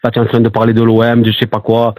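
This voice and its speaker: A man's voice: medium pitch, completely flat delivery, very fast, a little mellow, dry recording. A man from Marseille with a Marseille accent, angrily arguing on a phone call, hurling insults and repeating himself over and over. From Marseille, France. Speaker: prank call target. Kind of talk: heated phone argument.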